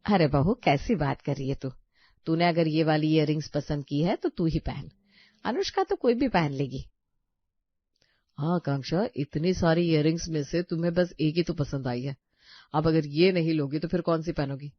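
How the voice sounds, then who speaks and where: Woman doing a low-voiced older cartoon mother-in-law, scolding but caring, dry kinda muffled audio. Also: moderate pace, no room sound. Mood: chiding. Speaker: voice actor. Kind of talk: cartoon story voice acting. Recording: dry, slightly dull audio.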